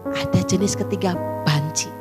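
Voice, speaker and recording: A woman pastor preaching a sermon in an animated way, often turning to address the congregation directly. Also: fairly low pitch, moderate pace, over music.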